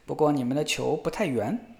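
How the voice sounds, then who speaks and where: A man voicing a bold, fearless young fellow who brags and shouts in a storybook reading. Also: fairly high pitch, fairly quick, vocal fry. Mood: eager. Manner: boastful, shouting.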